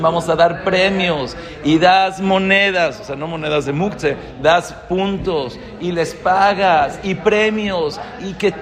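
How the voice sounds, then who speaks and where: A man giving a lively sermon, telling stories and acting out quotes with laughter. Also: fairly high pitch, in a large hall. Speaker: rabbi giving a holiday talk. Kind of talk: lively sermon to a live audience.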